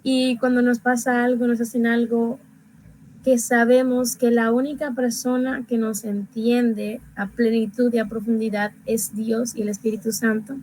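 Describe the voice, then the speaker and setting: A young woman talks through her faith in a reflective, conversational way, her voice sitting a bit higher than most. She slows to an unhurried pace when reading verses aloud. A faint hiss of background noise sits under the recording. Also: level tone, darkish tone, poor audio. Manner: reflective, reads scripture aloud slowly and deliberately. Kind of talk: casual devotional sharing.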